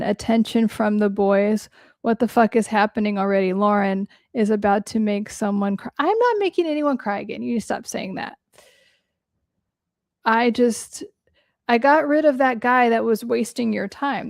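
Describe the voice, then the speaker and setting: A woman's voice: a little high, creaky, a little mellow, no room sound, clean studio sound. A young adult woman hosting a livestream as a therapist, talking bluntly and swearing freely while answering viewer questions, her voice cracking a little from a long day of talking. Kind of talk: casual livestream talk.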